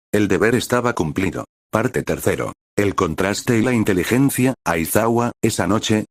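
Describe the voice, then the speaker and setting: A man narrating a fan fiction story in an even reading that reads out speaker names. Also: low voice, dry recording. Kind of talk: scripted fanfic narration.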